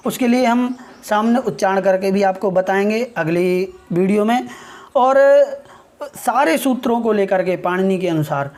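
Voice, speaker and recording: A woman from India, teaching a pronunciation lesson in a slow, explanatory way and often checking in with her listeners. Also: medium pitch, darkish tone. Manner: spells out and drawls sounds for demonstration.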